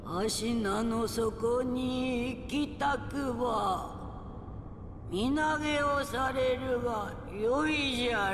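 An actress voicing a mysterious, haggard old woman who speaks in a slow, eerie, hushed way. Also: fairly high pitch, background noise. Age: over 60. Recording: echoey game audio with reverb.

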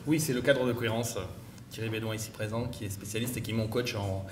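A man directing an organisation answers conference questions in a hesitant way, with many fillers and restarts, clearing his throat because his voice gives him trouble. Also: on the low side, fairly even intonation, fast talker, slight background noise. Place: large conference room. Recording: echoey room, distant mic.

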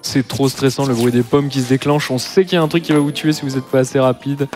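A man's voice: medium pitch, fairly even intonation, fast talker, darkish tone, faint music behind. A man commentating a live speedrun, explaining the game's rules with dry jokes.

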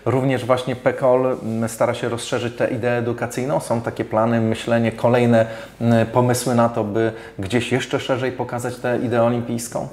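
A man's voice: medium pitch, flat delivery, moderate pace, a little mellow. Man in his forties, radio host, conversational questions, echoey office room. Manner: conversational, long leading questions. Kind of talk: radio interview. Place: office studio with glass table. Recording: roomy echo.

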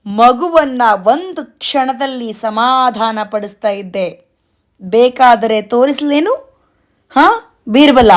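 A woman voicing a proud king who plays a father trying to soothe a crying child, coaxing and then fed up. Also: high-pitched. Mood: boastful. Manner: coaxing, growing exasperated. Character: boastful emperor Akbar, a king playing father.

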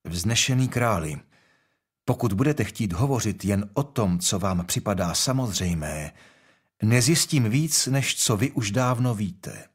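Man doing a stubborn young investigator, steady and husky, keeps pressing with questions, audiobook. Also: on the low side. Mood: calm. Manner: measured, persistent questioning.

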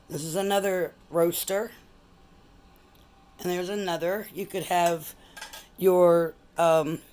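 Filmed on a handheld phone, this casual vlog has a woman collector chatting indoors in her dining room about her buffet table. She speaks on the low side with a somewhat dark tone.

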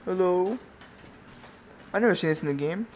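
A scared horror game streamer, a man with a slightly high voice, chatting casually as he plays. He is jumpy and playful, swearing mildly, over faint noise from a headset mic. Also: moderate pace, a little mellow. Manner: playful, goofy asides. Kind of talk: casual live-stream commentary while playing a horror game. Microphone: VR headset microphone.

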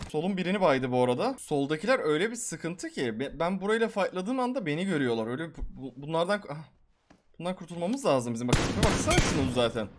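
A man giving live, excitable gameplay commentary as a gaming YouTuber, swearing and talking to his viewers. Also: sits high, slight background noise.

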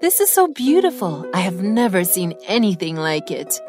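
A woman voicing a lonely, gentle woman longing for a child in an animated fairy tale. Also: on the low side, normal speed, music in the background. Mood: tender. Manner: tender, wistful.

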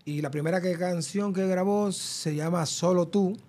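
A man's voice: high-pitched, moderate pace. A middle-aged man with a Dominican accent, a guest recounting stories in casual chat and acting out what others said. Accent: Dominican Spanish. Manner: animated storyteller acting out quotes. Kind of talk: casual interview storytelling.

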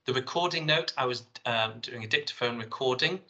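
A man's voice: medium pitch, fairly quick, pushed and bright, highs cut off. A middle-aged man giving a seminar presentation, talking through his slides and reading his field notes aloud. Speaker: lecturer.

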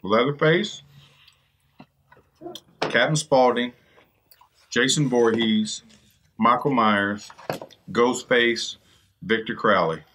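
A man's voice: medium pitch, slow pace, pauses often, a bit bright, a little hiss or hum. A middle-aged man chatting casually and teasingly as the host of a video. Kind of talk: casual chat. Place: inside a fast-food restaurant, seated at a table.

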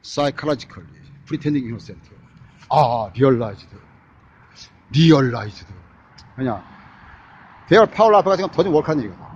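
A man's voice: mid-range voice, lively intonation, fairly quick, pauses often, breathy edge, muffled recording. A man delivering a rambling, repetitive street monologue into a phone camera, scattering English phrases and grunted fillers through his speech. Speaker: vlogger. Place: outdoors on a city street.

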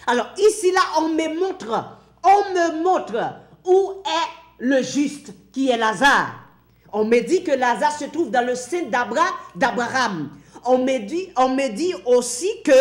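A woman's voice: high voice, reverberant. A woman teaching from the Bible in a sermon, repeating key phrases and asking and answering her own questions.

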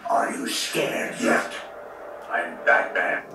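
An actor playing a grim, menacing masked vigilante in a video game. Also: male voice, slow, close to an everyday voice. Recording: distant echoey playback, loud noise.

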